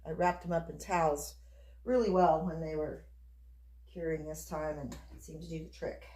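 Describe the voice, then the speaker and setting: Lower-pitched woman chatting in an echoey room. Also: fairly even intonation, normal speed, a little mellow, a little hiss or hum. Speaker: soap maker demonstrating her craft. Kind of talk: casual chatty craft demonstration.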